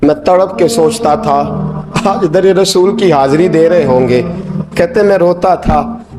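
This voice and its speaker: A man's voice: unhurried, background noise. A middle-aged man preaching a sermon that tells an old story, acting out its people and breaking into sung verse. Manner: impassioned, rising to high pitched cries.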